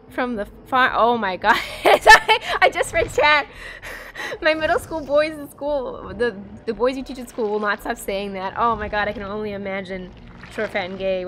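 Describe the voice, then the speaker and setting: A young American woman from the East Coast chats and giggles casually with viewers while livestreaming a game, using lots of fillers. Her mid-range voice has a fairly bright tone, with slight background noise in the recording.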